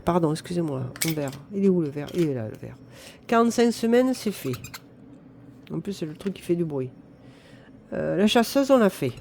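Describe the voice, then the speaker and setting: Casual fifties woman from northern France, talks to viewers and herself while counting money; soft, dark tone, slight background hiss. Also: lowish voice. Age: 50s. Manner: chatty, talks to herself and viewers, counts aloud, self-mocking. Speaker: budget vlogger. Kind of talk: casual talk to camera while doing budget envelopes.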